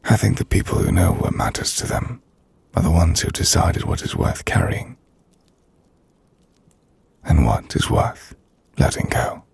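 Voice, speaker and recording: A sing-song, full character voice marks this ASMR roleplay, where a man speaks as a gentle, melancholy half-vampire lord. Low, gravelly and breathy, he murmurs slowly in formal, measured phrases, fond and wistful throughout the intimate monologue.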